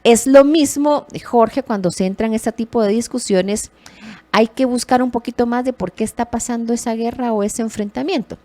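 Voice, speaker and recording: Lively woman giving news commentary. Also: a little high, moderate pace. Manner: lively, animated emphasis with self-corrections.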